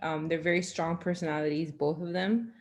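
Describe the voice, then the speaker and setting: A woman answers an impromptu question on a video call, frank and thinking aloud with many pauses. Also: deep voice, steady tone. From United States, Cuban parents.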